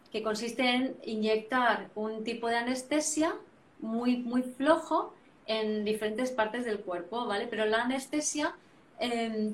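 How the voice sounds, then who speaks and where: A Spanish woman with a fairly high voice gives a reflective, conversational explanation, sounding distant from the mic in a roomy space. She is animated, repeats her phrasing and often uses tag questions.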